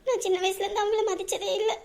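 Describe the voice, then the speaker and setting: A young wife played by a woman with a very high, thin voice, pleading in tears to go and see her mother. Her speech is emotional and insistent. It is soft, close and earnest throughout. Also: level tone, fast. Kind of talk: family drama acting.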